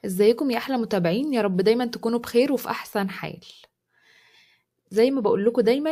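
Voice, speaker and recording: A woman's voice: fairly high pitch, mellow. A woman with an Egyptian Arabic accent narrating a first-person story for her channel in a pleading, emotional way.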